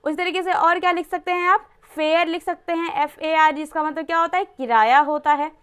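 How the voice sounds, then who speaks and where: A woman's voice: very high-pitched, fairly even intonation, a little fast, fairly bright tone. A woman teaching English pronunciation in a classroom style, asking herself questions and answering them, and spelling words out letter by letter. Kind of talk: classroom-style lesson explaining pronunciation rules.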